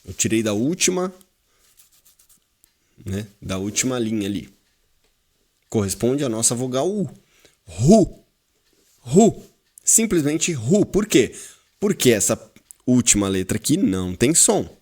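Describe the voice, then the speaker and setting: A man with a Brazilian Portuguese accent teaching a class, explaining slowly and repeating words while quizzing his students. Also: mid-range voice, sing-song, darkish tone. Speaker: Hebrew teacher. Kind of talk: classroom lesson.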